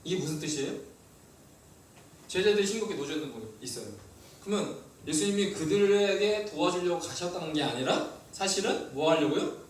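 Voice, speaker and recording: A male pastor preaching a sermon, lively and asking the congregation questions. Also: sits high, brisk, very echoey, distant mic, a little hiss or hum, poor audio. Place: church hall.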